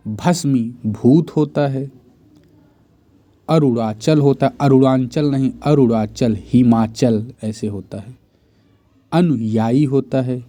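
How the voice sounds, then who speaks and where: A man's voice: mid-range voice, warm tone, dry recording. A man teaching Hindi grammar for exam preparation, reciting correct spellings in short, repeated phrases. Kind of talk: exam-prep spelling drill.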